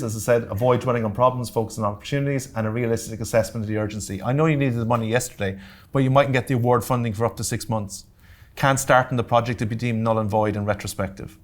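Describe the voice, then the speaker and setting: A man with an Irish accent presenting a grants workshop to a live audience, direct and practical, with joking asides and check-ins to make sure the room is following. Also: medium pitch. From Ireland. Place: community centre meeting room.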